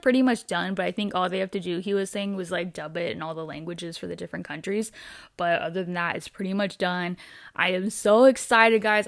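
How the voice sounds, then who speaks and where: A woman's voice: medium pitch, dry recording, studio quality. Bubbly young woman gushing about a show. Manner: bubbly and gushing, many fillers like "um" and "like". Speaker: host of a weekly entertainment news show. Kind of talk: casual fan commentary.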